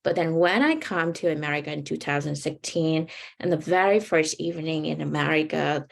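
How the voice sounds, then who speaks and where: Vietnamese-accented young woman panelist, low gravelly voice, earnest, lots of ums. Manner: earnest, storytelling, frequent ums. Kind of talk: panel discussion answer.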